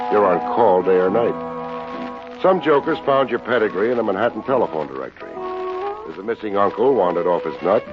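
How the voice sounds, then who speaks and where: With a deep male voice and an American accent, an actor plays a wry, hard-boiled private investigator who wisecracks deadpan, in the manner of a 1950s radio detective drama. He serves as both the lead detective and the narrator. The vintage radio recording sounds dull, with music playing behind him.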